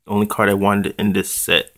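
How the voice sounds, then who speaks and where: A young man talking casually and haltingly, in a laid-back way, as the host of an unboxing vlog. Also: lowish voice, completely flat delivery, a bit bright. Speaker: trading card channel host.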